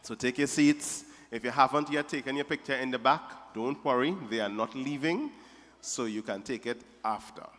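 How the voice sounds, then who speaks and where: Here the wedding emcee has a medium-pitched voice with a moderate pace and a fairly bright tone. He jokingly ribs the guests table after table, and his voice echoes around the large reception hall.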